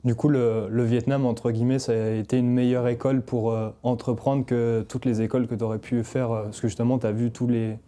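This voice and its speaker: A man's voice: mid-range voice, little pitch movement, a little fast, hardly any pauses, dark tone. A male podcast host asking long, rambling interview questions with fillers.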